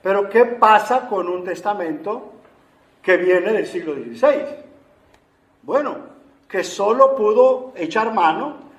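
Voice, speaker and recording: A man giving an unhurried, explanatory lecture on Bible translation to an audience, often pausing with "eh" fillers. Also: sits high, expressive. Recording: roomy echo.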